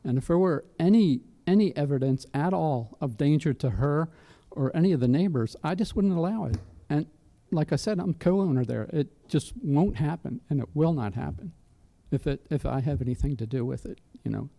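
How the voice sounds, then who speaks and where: Gravelly, emotional father testifying. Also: on the high side, mellow. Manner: halting, earnest, with repeated restarts. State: emotional, voice catching. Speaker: public hearing speaker, parent of applicant. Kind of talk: public testimony.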